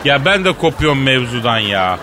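A man hosting a radio comedy show, telling a rambling tall tale in a deadpan way, in a studio. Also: medium pitch, moderate pace, background noise. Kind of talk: comic storytelling.

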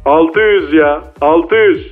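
This man's voice is a little high and slow, with soft music behind it. He voices a cocky, slangy male mole cricket on a phone line for a comedy radio sketch, lecturing in boastful, taunting street slang.

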